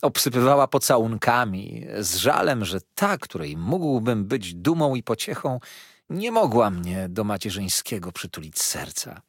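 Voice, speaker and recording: A male audiobook narrator tells a classic story in the first person, pausing and swelling for drama. His voice is low and husky, and his pitch moves in wide, animated sweeps. The sound is close and dry, with no room in it. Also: no room sound. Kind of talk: expressive literary audiobook narration.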